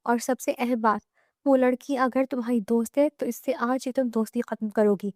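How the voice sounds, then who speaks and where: A woman's voice: a little high, fairly even intonation, normal speed, a little mellow, dry recording, studio quality, close to an everyday voice. A woman reading a stern, scolding young husband. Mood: angry scolding. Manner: scolding, commanding.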